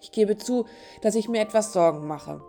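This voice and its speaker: A woman's voice: mid-range voice, moderate pace, creaky, warm tone, faint music behind, voice pushed up, close to an everyday voice. A woman voicing an earnest young male carpenter in a storybook reading. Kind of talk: storybook narration.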